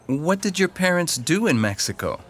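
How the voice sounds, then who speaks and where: A friendly, lively questioner. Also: female voice, lowish voice, moderate pace. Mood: curious. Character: woman asking friendly questions. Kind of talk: scripted textbook dialogue.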